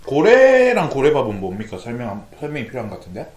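A man's voice: medium pitch, huge pitch swings, fast. Man talking with his mouth full. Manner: chatty, asks questions, laughs easily. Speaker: mukbang show host. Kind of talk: casual chat while eating. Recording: roomy echo.

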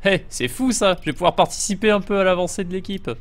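A man's voice: high-pitched, fast. A man commenting his own video game session in a playful, joking way, slipping into silly put-on accents. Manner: jokey, trying silly accents. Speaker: gamer streamer.

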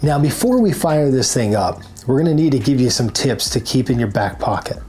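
With music underneath, a tutorial presenter in his forties delivers scripted instructions to camera. His medium-pitched, darkish voice moves briskly and swings widely in pitch.

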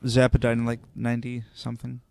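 A man's voice: medium pitch, monotone, fast, gravelly, darkish tone, no echo, clean studio sound. A man co-hosting a podcast, chatting casually and hesitantly in a small room on a desk mic. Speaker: podcast co-host. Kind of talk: casual chat. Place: small room around a table. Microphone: desk mic on a boom.

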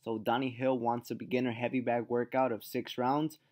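Man, average pitch, boxing coach voice-over, informal, explanatory, instructional. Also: level tone, moderate pace, a little mellow. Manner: casual, explanatory, addresses viewers as guys. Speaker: boxing channel host and instructor. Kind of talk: instructional voice-over for a workout video.

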